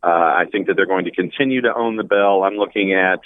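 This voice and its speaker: A sports commentator on the show calls in by phone, chatting casually about sports and offering his predictions in a deep, fairly quick voice. The line sounds dull with faint noise, and a crowd can be heard behind him.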